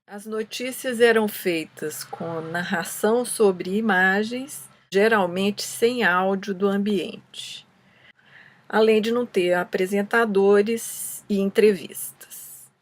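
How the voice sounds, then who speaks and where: A woman with a Brazilian Portuguese accent giving a scripted explanation as a presenter, reading in a measured way with occasional small stumbles. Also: medium pitch. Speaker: presenter answering a film student's questions.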